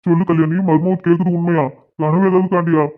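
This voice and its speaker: Fast-talking cartoon grandpa, soothing, tinny phone sound, man voicing him. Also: a little high, flat delivery, close to an everyday voice. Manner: soothing, questioning. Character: caring elderly grandfather.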